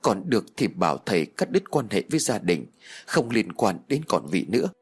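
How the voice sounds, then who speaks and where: A man voicing a blunt, hot-tempered young woman in an audio story, with a husky tone. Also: lowish voice, big pitch swings, normal speed. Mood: indignant.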